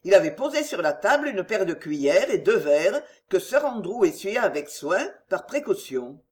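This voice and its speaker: A narrator reading a classic novel aloud in an expressive literary style. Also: mid-range voice, normal speed. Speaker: audiobook narrator. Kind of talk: scripted narration.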